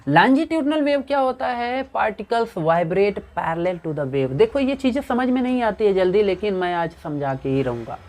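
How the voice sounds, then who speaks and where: Man, Indian accent, physics teacher, revision lecture, answers his own questions, slow deliberate definitions. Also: sits high, big pitch swings, a little mellow. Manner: asks rhetorical questions and answers them himself; reads English definitions slowly and deliberately.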